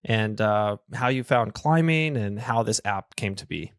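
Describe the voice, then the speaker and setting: A man's voice: fairly low pitch, a little slow, no echo, clean studio sound. A man hosting a podcast, introducing guests in an easygoing, loose way over a remote call. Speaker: podcast host. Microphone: remote video call.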